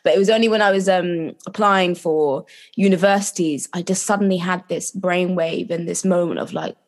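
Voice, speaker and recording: A woman with a London accent chatting casually as an interview guest, telling stories in an animated, slangy way and acting out quoted asides. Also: fairly low pitch, moderate pace. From London, England.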